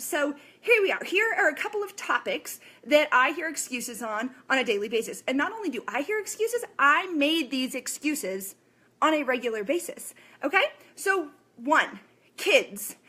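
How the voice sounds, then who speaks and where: Blunt high-voiced woman ranting. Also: sharp tone. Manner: blunt, swears, lots of "okay?" and "guess what?". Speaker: fitness coach. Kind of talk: ranting motivational vlog.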